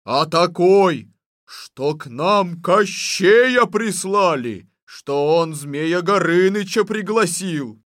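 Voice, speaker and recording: Loud, blustering old bearded boyar, as a man puts him on; drawn-out storybook delivery. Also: high-pitched, animated, no room sound, clean studio sound, exaggerated voice. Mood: excited. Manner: shouting, blustering. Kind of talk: storybook reading.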